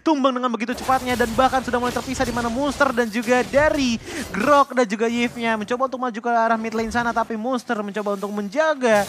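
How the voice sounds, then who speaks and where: Fast-talking Indonesian esports caster. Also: mid-range voice, fairly even intonation, fairly bright tone, a little hiss or hum. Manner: esports caster delivery, long run-on explanatory calls. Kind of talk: live game commentary and analysis.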